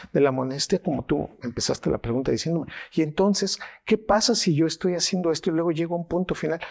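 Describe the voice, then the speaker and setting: Gravelly-voiced Mexican man explaining. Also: a little high. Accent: Mexican Spanish. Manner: animated, acts out quoted voices. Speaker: neuroscientist guest. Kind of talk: explanatory interview talk.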